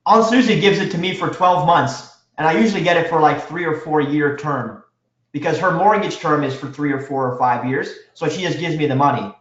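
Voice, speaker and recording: Man teaching a seminar, high voice, energetic, quizzes the room, echoey dull recording. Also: fairly quick. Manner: energetic, quizzes the audience with questions. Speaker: real estate instructor. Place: seminar room with a live audience.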